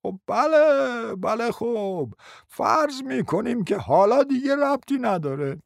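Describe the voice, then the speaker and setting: A reader voicing a forgetful old prince who talks slowly and hesitantly, in a dry close recording. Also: medium pitch, animated, vocal fry, no echo, voice pushed up. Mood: muddled. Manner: slow, hesitant, wandering.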